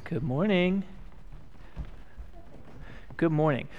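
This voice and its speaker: A man in his thirties, a pastor leading prayer and a children's message, speaking gently and asking the children simple questions. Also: fairly high pitch, very slow, lo-fi sound, slight background noise. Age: 30s. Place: church.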